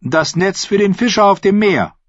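A man's voice: sits high, expressive, moderate pace, no echo, voice pushed up. A man voicing a bold male warrior in an audiobook, with a raised, emphatic call. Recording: dull lo-fi dry recording.

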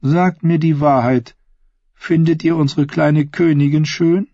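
Proud scheming queen, a male reader doing her voice, lifted pitch, husky and slow, dull dry recording. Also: steady tone, dark tone, no room sound. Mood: sly. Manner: cool, commanding, teasing.

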